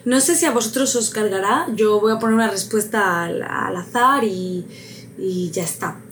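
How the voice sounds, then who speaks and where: A woman's voice: medium pitch, normal speed, fairly bright tone, a little hiss or hum. A woman vlogger thinking aloud as she takes a quiz, hesitant and musing, laughing at her own luck.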